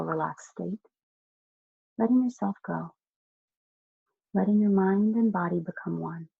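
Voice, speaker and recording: A hypnotist guiding a listener through slow, soothing relaxation, giving soft instructions with long pauses. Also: mid-range voice, gravelly, breathy edge, no room sound, muffled recording. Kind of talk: guided relaxation hypnosis script.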